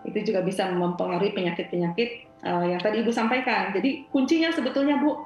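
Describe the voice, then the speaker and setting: A woman's voice: mid-range voice, fast, a little mellow, roomy sound, dull audio, faint music behind. A woman, a doctor giving reassuring, conversational medical explanations as a guest.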